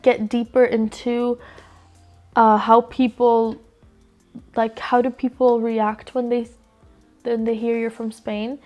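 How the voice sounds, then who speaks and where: A woman's voice: a little high, darkish tone. A teenage girl hosting a casual podcast chat, talking loosely with lots of "like" and "um". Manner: chatty, fills pauses with "like" and "um". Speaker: podcast host.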